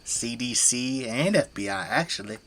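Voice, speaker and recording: Voicing a folksy, tipsy, boastful father fighting zombies with a flamethrower, the actor uses a medium-pitched, fairly bright voice with lively intonation at normal speed. It's lightly acted, with a candid, reminiscing mood and casual, colloquial bragging, all for an audio drama.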